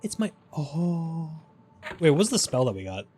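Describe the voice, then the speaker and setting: Excitable man playing a game. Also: fairly high pitch, unhurried, a little hiss or hum. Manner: excitable, swears and laughs often. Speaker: gaming YouTuber. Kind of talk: let's play commentary.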